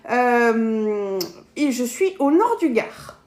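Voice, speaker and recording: High-voiced woman with southern French accent. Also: sing-song, extremely slow, darkish tone. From south of France. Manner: chatty, greets viewers by name, laughs often. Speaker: cooking live-stream host. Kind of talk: casual live-stream chat. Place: home kitchen.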